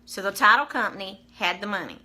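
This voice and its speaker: A woman's voice: medium pitch, brisk, sharp tone, slightly rough. A woman telling a personal faith testimony in a casual, emphatic way, repeating key numbers for effect. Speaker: vlogger sharing a faith testimony.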